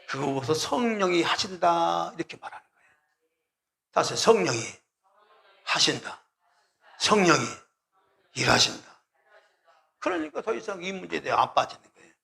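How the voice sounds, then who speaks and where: This is a male pastor preaching a sermon in a somewhat high voice with vocal fry and a sharp edge. He is emphatic and repetitive, often putting questions to the congregation, addressing listeners directly and calling out hallelujah.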